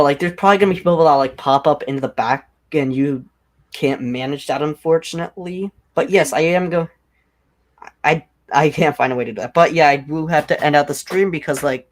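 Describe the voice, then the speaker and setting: A young man with what he himself calls a deep voice hosts a casual livestream chat. He's rambling and unscripted, hopping between thoughts and leaning heavily on the word "like" in an offhand way.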